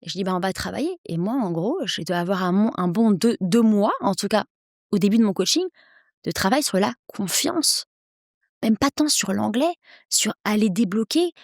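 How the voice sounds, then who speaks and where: A woman in her thirties, an English coach, speaking persuasively as a podcast guest, with energetic quick bursts. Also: medium pitch, dry recording, studio quality. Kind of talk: podcast interview.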